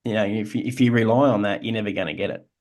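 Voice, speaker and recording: A man's voice: on the low side, fairly even intonation, racing, darkish tone. An Australian man, podcast co-host, telling his own story in an earnest, reflective way. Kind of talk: casual chat.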